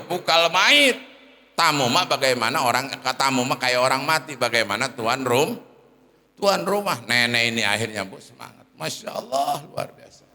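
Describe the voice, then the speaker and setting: A man's voice: mid-range voice, sharp tone. A man preaching a comedic sermon, telling a story animatedly and addressing the listeners as sir and ma'am. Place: prayer hall. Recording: long hall reverb.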